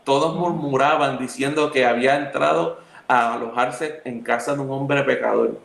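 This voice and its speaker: This youth talk co-host speaks with a Puerto Rican Spanish accent, a mid-range voice, some vocal fry, and a normal pace. In an echoey room, he chats casually about spiritual matters, telling stories with lively energy and acting out the people he quotes.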